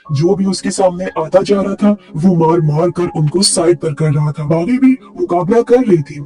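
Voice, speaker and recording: A man narrating a film recap in steady, scripted storytelling. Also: sits high.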